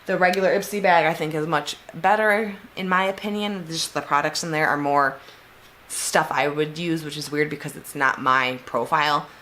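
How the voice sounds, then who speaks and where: A woman's voice: low-pitched, normal speed, sharp tone, a little hiss or hum. A young woman with a nasal voice, chatting casually in a vlog as she reviews a subscription beauty box, giving frank opinions with fillers. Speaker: beauty vlogger.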